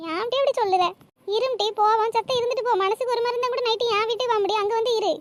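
Bossy cartoon neighbor lady, voiced by a woman, lecturing, squeaky high, noisy track. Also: steady tone, very fast. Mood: consoling. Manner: scolding, lecturing. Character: bossy older village neighbor woman, scolding but caring.

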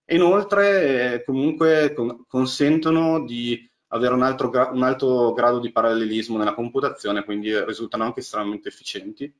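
This man's mid-range voice moves at a moderate pace with hardly any pauses as he lectures on deep learning. Working through his slides via a video-call webcam in a small indoor room, he fills his speech with fillers and frequent restarts.

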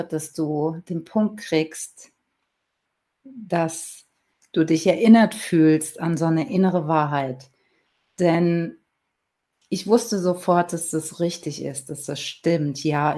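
A woman gently reading a fairy tale aloud, speaking to the listener in a calm, intimate way. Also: sits low. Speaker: storyteller.

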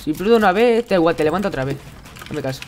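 A young man with a Spanish accent hosts one-on-one matches on a live game stream, chatting casually and encouragingly in slang. His voice is fairly high, expressive and fast. The recording is clear, with background noise and keyboard clicks.

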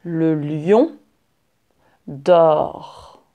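Woman teacher narrating a fable, very slow, lowish voice, clear and repetitive. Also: dull audio. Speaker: French teacher. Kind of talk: slow storytelling for learners.

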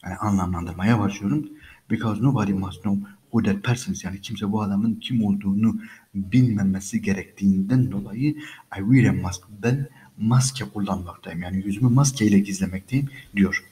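A man's voice: on the low side, fairly quick, mellow, poor audio. A man teaching English by reading a story aloud and explaining each line patiently, repeating phrases and speaking to listeners as friends.

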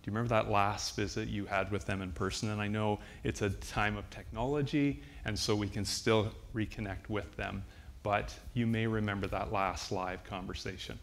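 Earnest older pastor preaching. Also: male voice, on the low side, steady tone, vocal fry. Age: 60s. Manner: earnest, heartfelt storytelling with slow, emphatic repetitions. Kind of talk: sermon.

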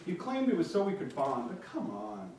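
A man's voice: high-pitched, huge pitch swings, moderate pace, darkish tone, a little hiss or hum, voice pushed up, heavily acted. A man reading the lines of a defensive, guarded husband, curt and sullen. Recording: very echoey room, mic far off.

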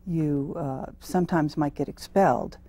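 A middle-aged woman journalist on a studio panel, recounting her reporting experiences thoughtfully, with frequent pauses and fillers. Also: deep voice, dark tone. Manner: thoughtful, hesitant with many fillers. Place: TV studio with audience.

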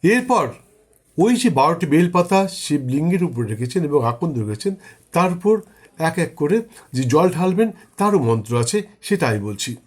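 A man teaching the steps of a ritual, explaining each step plainly and then chanting the mantras slowly and solemnly. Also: on the high side, very animated. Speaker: astrologer teaching puja rituals. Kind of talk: spoken ritual instruction.

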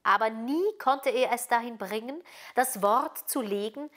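A woman reading a fairy tale aloud as storyteller, slow, deliberate and softly expressive. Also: a little high.

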